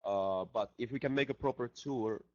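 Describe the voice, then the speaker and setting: A Finnish band member jokes around and reads fan questions aloud in a casual, playful video chat. His medium-pitched, darkish voice moves at a moderate pace, recorded dry through a laptop video call mic with dull lo-fi audio.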